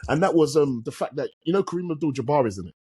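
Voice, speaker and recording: A man's voice: on the high side, animated, racing, dark tone, husky. A man with a London roadman accent chatting casually as a podcast host, emphatic and full of slang and swearing.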